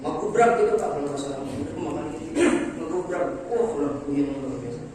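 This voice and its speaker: A man teaching religion in a relaxed, chatty way, sometimes chanting verses. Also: fairly high pitch, brisk, distant mic, background noise. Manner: chants Quran verses, then explains casually. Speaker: preacher. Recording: echoey hall recorded from afar.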